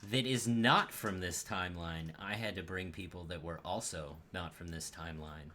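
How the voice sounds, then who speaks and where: A man voicing a mysterious, chain-smoking woman in a tabletop game, speaking low and measured. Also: sharp tone, a little hiss or hum. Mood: grave. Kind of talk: tabletop role-play voicing.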